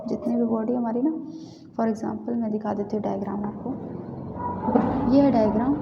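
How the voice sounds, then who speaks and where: A woman's voice: fairly high pitch, gravelly. A woman teaching anatomy in a casual lesson, walking through diagrams and often checking that listeners follow. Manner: repeats "theek hai" often, checks understanding. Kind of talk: informal lesson explaining diagrams. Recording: roomy, long reverb, dull, faint hiss.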